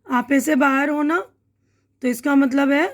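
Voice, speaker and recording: A woman's voice: sits high, fairly even intonation. A woman teacher with an Indian Urdu accent, patiently explaining a school lesson to children and correcting her own slips. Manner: patient, repeats and corrects herself.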